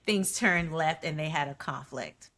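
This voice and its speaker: A woman co-hosting a podcast, chatting casually and animatedly about a reality show. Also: low-pitched. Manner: animated, quotes people in quick put-on voices. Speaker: podcast co-host.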